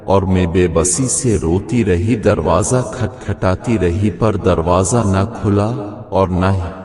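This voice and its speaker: Deep-voiced male storyteller with hall echo. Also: crowd noise. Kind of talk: scripted first-person story narration. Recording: echoey hall sound with music bed.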